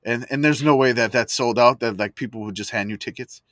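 A man's voice: mid-range voice, fairly quick, a bit bright, dry recording. A man hosting a casual sports chat podcast from inside a closet, rambling and chatty with plenty of fillers. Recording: dry, close sound from a closet.

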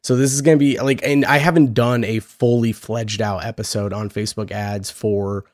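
Hoarse and raspy from yelling, a young podcast host talks loosely and energetically, swearing now and then. His lowish voice keeps a fairly even intonation at a normal speed. The recording is studio quality, with no echo.

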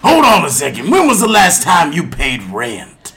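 This is a hapless robber who keeps snapping in exasperation, played by a man. His voice is gravelly and swings widely in pitch, and he talks slowly. A live audience is heard clearly behind him. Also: wildly swooping pitch, crowd noise. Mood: exasperated. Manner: exasperated, yelling. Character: hapless male robber Clive. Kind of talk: improvised comedy scene.

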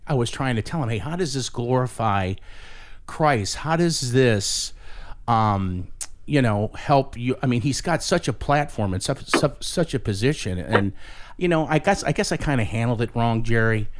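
A man hosting a podcast, talking in a loose, animated way and often restarting and repeating his phrases. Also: mid-range voice, moderate pace. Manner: talkative, animated, repeats himself. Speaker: podcast host. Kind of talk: casual interview chat. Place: New Orleans.

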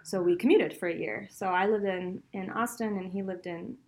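This middle-aged woman, a law professor raised between Venezuela and the US, has a mid-range, slightly mellow voice at a moderate pace. She answers interview questions in a chatty, reflective way and laughs often.

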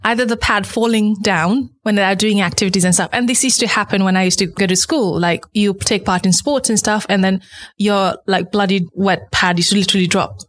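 A woman's voice: medium pitch, fairly even intonation, a little fast. Earnest woman from Nepal being interviewed. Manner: earnest, explanatory, frequent "like" fillers. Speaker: guest, founder of a menstrual product. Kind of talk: conversational interview.

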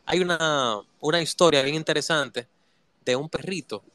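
A man's voice: on the high side, normal speed, a bit bright, no room sound. A man giving a motivational talk, emphatic and asking his listeners rhetorical questions. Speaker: motivational speaker.

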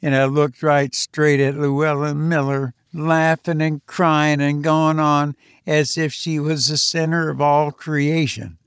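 A man reading a story aloud in a folksy, measured narration. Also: fairly high pitch, level tone, smooth, dry recording, clean studio sound. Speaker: audiobook reader.

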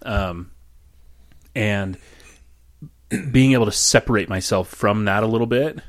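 A man in casual podcast chat, animated and often restarting his sentences. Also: fairly low pitch, a little slow, no room sound, studio quality.

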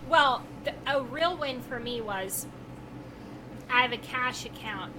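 A woman co-hosting a podcast, talking casually and telling stories in an animated way. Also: sits high, takes it slowly. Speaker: podcast co-host and trader. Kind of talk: casual conversational storytelling. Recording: clearly noisy recording.

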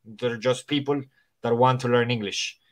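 Medium-pitched and steady at a moderate pace, a man whose first language is Spanish speaks English with a Spanish accent plus a few Irish and American traces. He teaches English and is chatting loosely on a podcast, wandering off with frequent restarts and fillers.

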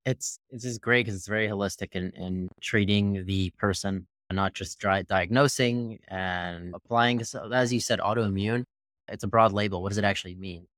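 A man's voice: on the low side, steady tone, moderate pace, fairly bright tone, dry recording. A man hosting an interview, reflectively summing up what his guest said. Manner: reflective, summarizing the guest's point. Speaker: podcast host. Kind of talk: conversational interview.

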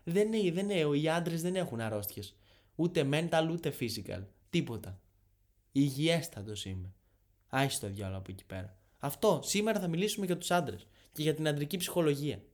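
A man's voice: fairly high pitch, sing-song, a little mellow. A young man in his twenties hosting a comedic rant, sarcastic and swearing freely. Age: 20s. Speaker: podcast host.

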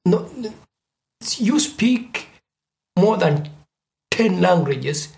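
A person from Uganda who runs an organization, speaking in a measured, reflective way in a discussion. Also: mid-range voice, animated, gravelly, a little mellow. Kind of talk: conversational discussion.

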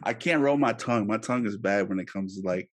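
A man with a fairly low voice hosts a podcast interview. He talks loosely and chattily, full of "like" and "uh", and turns upbeat when he gives his sign-off plugs. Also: fast. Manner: loose and chatty, many fillers and restarts. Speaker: podcast host.

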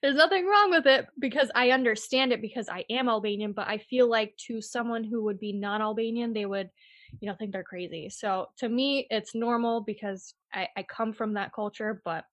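Her voice is slightly high and moves at a normal pace, recorded with no room sound. She's a twenty-something real estate agent in an interview, answering casually and bluntly, acting out what people said and peppering it with "like."

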